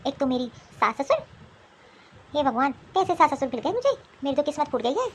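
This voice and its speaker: A woman voicing a dramatic, complaining young married daughter in an animated cartoon. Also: sits high, a little fast, slight background noise.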